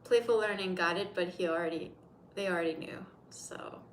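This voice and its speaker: Her voice sits on the low side and moves at a moderate pace. She is a 30-year-old livestream host from Turkey, a native Turkish speaker, chatting and rambling in English as she responds to viewers, recorded in an echoey room with faint noise.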